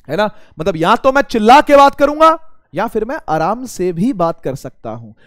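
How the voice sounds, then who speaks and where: A man with a rather high voice explains physics to students in a relaxed, conversational way, often asking a question and then answering it himself. His throat sounds a little strained. The recording is close and dry, with no room echo. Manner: addresses students as beta, asks and answers his own questions. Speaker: teacher. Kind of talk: casual spoken physics lesson.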